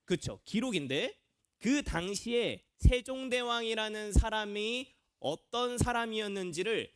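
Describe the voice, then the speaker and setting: A man's voice: sits high, sing-song, normal speed, fairly bright tone, dry recording, studio quality. A young man, a junior pastor, preaching a children's sermon in a church classroom, quizzing the kids and acting out voices. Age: young adult.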